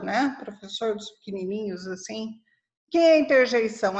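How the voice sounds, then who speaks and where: Slow-paced teacher woman, higher voice. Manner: explanatory, checks in with "tá?" and "né?". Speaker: Portuguese teacher. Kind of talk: online grammar lesson.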